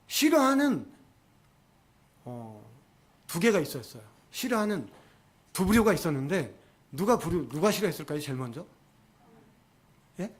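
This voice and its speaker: A male pastor delivering a sermon with a fairly high voice. He retells a story at length and keeps putting questions to his listeners. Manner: storytelling, asks the congregation questions.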